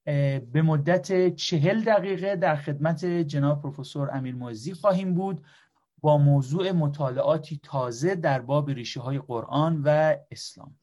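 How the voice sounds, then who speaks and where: A man's voice: a little high, a little mellow. Formal man introducing a lecture. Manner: polite, formal, with frequent hesitations. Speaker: moderator introducing a speaker.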